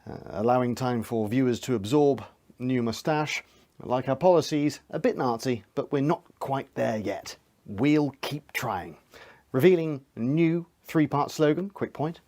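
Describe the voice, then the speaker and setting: A man playing a smug government minister who describes his own briefing in clipped, deadpan stage-direction phrases. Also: mid-range voice, measured pace, natural voice.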